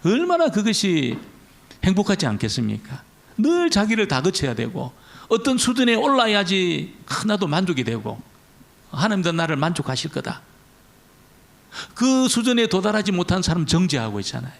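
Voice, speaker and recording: A man's voice: high-pitched, huge pitch swings, normal speed, gravelly. A male pastor giving a conversational Friday prayer meeting sermon, repeating key words for emphasis. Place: church.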